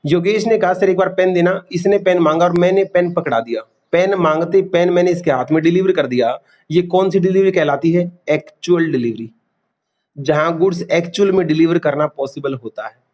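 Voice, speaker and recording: A man's voice: sits high, normal speed, a little mellow. A man teaching a class, quizzing students and repeating key terms. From India. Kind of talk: classroom lecture.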